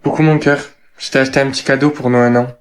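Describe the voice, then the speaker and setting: A man's voice: mid-range voice, flat delivery, very fast, slight background noise, lightly acted. A man playing a hapless, indignant teenage schoolboy in a scripted skit, often protesting and questioning. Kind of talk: scripted skit, text-to-speech dialogue.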